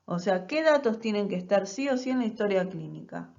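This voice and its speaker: A woman's voice: mid-range voice, animated, brisk, a little mellow, dull audio. A woman teaching a recorded nursing class, explaining step by step and often checking in with rhetorical questions. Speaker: nursing lecturer.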